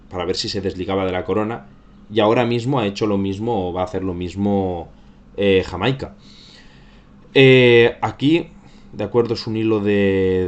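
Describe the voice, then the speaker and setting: A man with an accent from Spain hosts a livestream of casual news commentary, talking conversationally about current affairs and often repeating and rephrasing himself. His voice sits low and is a little mellow, though the recording is muffled with slight background noise.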